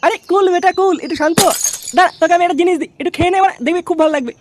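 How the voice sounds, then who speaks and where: A man voicing a cheeky, loudmouthed teenage boy in a comic cartoon, swaggering, crude and coaxing. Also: extremely high pitch, very fast, noisy background.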